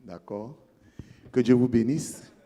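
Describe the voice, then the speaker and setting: A man's voice: mid-range voice, slow pace, warm tone, slightly rough. A male pastor preaching a sermon, explaining scripture in a teaching tone and asking the congregation questions.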